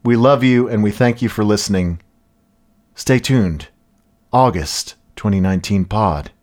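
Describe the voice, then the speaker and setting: A man's voice: on the low side, measured pace, darkish tone. A man hosting a podcast, chatting loosely and jokingly as he plugs the show. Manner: loose and jokey, with frequent "uh" fillers. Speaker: podcast host. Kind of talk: casual podcast chat and sponsor plugs.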